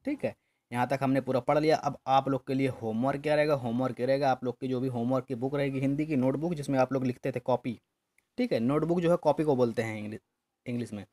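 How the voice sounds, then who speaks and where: A man's voice: mid-range voice, a little mellow. Patient man teaching kids phonics. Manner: patient, repetitive, spells out each word slowly. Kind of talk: slow, syllable-by-syllable phonics lesson for small children.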